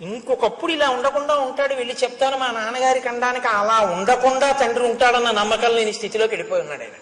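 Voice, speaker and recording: A man's voice: very high voice, fast, fairly bright tone, slight background noise. A man giving a devotional storytelling discourse, retelling scenes expressively and chanting Sanskrit verses before explaining them. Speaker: religious discourse speaker. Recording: echoey hall with long reverb.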